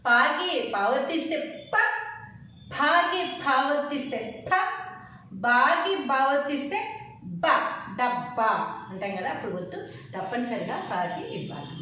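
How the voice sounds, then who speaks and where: A woman teacher patiently spelling out letters one by one in a slow lesson. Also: sits high, lively intonation, sharp tone, slight background noise. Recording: echoey room, mic far off.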